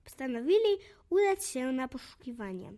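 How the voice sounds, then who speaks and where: A woman reads a children's story aloud. Her voice sits high, and she keeps the telling expressive and lively. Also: moderate pace. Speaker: narrator.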